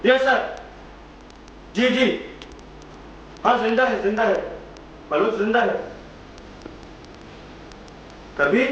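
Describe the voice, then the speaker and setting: An actor playing a cruel police officer who barks orders and abuse at a prisoner. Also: male voice, high voice, muffled recording, slight background noise. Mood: obedient. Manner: barking orders, abusive. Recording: echoey room, far from mic, loud music.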